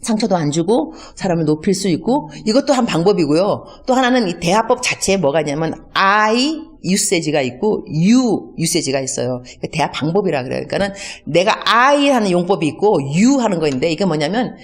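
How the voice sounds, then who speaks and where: Lively woman missionary, animated teaching talk. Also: on the low side, fairly quick, few pauses. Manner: acts out everyday dialogues in lively voices; mixes in English words.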